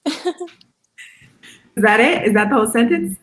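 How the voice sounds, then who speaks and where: A woman's voice: on the high side, expressive, moderate pace, fairly bright tone, rough recording. A woman chatting in a teasing way during an online group game and reading out viewer comments. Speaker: guest in a live stream game. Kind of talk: casual chat.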